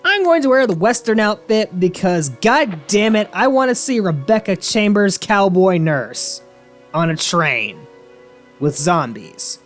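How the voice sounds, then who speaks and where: An animated voice of indeterminate sex and middling pitch, doing casual let's-play commentary. The delivery is sarcastic, joking and foul-mouthed, with faint music behind it. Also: measured pace. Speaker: host playing a video game.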